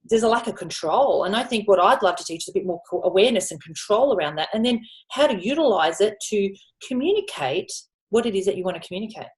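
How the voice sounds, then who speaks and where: A woman voice coach in an interview, explaining voice technique with lively demonstrations. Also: medium pitch, quick pace, hardly any pauses. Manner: animated teacher, drops into vocal demonstrations.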